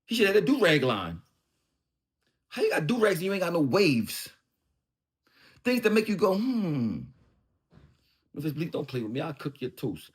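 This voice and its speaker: Fast, animated taunting man from Philly. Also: fairly high pitch. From Philadelphia. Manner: taunting, mocking, heated. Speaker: show host. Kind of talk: ranting monologue.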